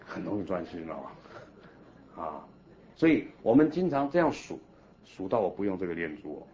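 A deep-voiced man, a Buddhist monk, teaches a class in an animated, coaxing manner and guides the group through slow, steady chanting. The recording is dull and lo-fi, with a faint hiss behind his voice.

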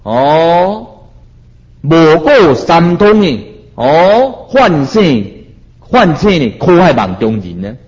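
A man with a Taiwanese Hokkien accent preaches a Buddhist sermon, chanting verses slowly and then urging his listeners on. His fairly high voice swings widely in pitch. The recording sounds dull and lo-fi. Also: sing-song, a little mellow.

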